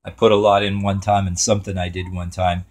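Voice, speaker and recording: A man's voice: deep voice, level tone, brisk. A man hosting a home cooking show in his kitchen, rambling and swearing casually to himself as he works.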